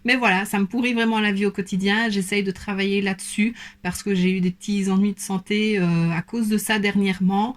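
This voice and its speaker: A woman's voice: medium pitch, fairly even intonation, a little fast, hardly any pauses. A young woman from Belgium with a light Belgian French accent, answering viewer questions in a casual vlog with many hesitant fillers. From Belgium, Liège province. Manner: hesitant, many fillers, soft and self-conscious. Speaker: beauty YouTuber.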